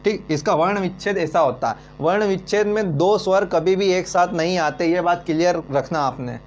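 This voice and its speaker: Man teaching online, kinda high voice, slow, dull lo-fi audio w/ mains hum. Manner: slow, repeating, asks then answers himself. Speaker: Hindi teacher. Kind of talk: online lesson.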